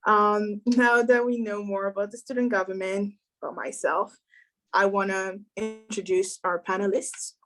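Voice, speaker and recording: A woman's voice: medium pitch, normal speed. A young woman from the Democratic Republic of Congo, a student government president, giving an earnest welcome speech and introducing a panel. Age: young adult. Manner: earnest, welcoming, steady delivery with some fillers.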